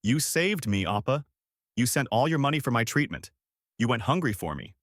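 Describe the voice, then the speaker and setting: Male narrator doing a young emotional sister: higher, eager, dry studio sound. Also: big pitch swings, moderate pace, a bit bright, dry recording. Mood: tearful joy. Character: young woman, a janitor's tearful grateful sister.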